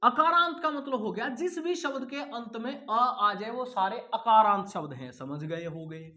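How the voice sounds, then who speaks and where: A man's voice: extremely high pitch, animated, normal speed, bright, forceful tone. Guy teaching hindi grammar for exams, keeps repeating words, asks stuff then answers it himself, calls students beta and bhai. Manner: repeats key words, asks and answers his own questions; addresses students familiarly as son and brother. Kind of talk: exam-prep grammar lesson.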